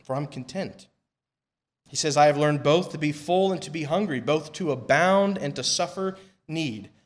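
Guy preaching at a pulpit mic in church, slow and emphatic, trails off quiet at the end of lines. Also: on the high side. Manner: measured, emphatic reading of scripture that drops soft at phrase ends. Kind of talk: sermon with prayer. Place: church sanctuary.

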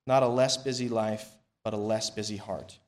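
A man preaching a sermon and leading prayer at a pulpit microphone in a church, reading scripture in a measured, emphatic way that falls soft at the ends of phrases. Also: lowish voice, fairly even intonation. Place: church sanctuary.

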